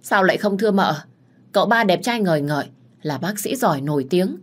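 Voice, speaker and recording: A woman's voice: low voice, normal speed, darkish tone. A woman voicing an older female household servant, polite to her mistress and harsh when scolding the young maid.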